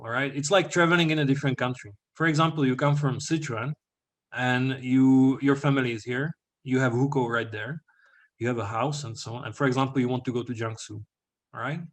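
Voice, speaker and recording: A young man presenting slides to an audience, explaining at length with frequent fillers and "all right?" check-ins. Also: medium pitch.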